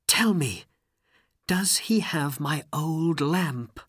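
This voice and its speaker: A man voicing a brave young hero who speaks in a calm, reassuring way. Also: a little high, very slow, husky, no echo, clean studio sound, pitched above the performer's own voice, full character voice.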